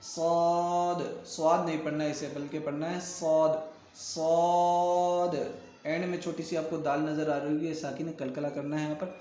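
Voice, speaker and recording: A man's voice: on the high side, little pitch movement, hardly any pauses, darkish tone, reverberant, a little hiss or hum. A man teaching Quran reading in a recorded lesson, patiently repeating letter names and checking in with learners. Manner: stretches letter sounds long when reciting.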